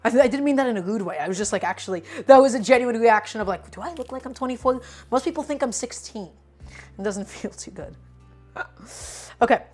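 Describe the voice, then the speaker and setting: This cooking streamer, a woman in her twenties, keeps her livestream casual, ribbing her viewers while explaining each step of her chopping. Her voice sits on the high side and has a somewhat dark tone.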